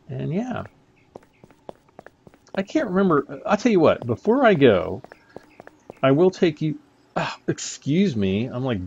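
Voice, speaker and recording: A man's voice: medium pitch, vocal fry, slight background noise. A man giving casual, rambling commentary over his gameplay, chuckling often between thoughts. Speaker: gaming YouTuber.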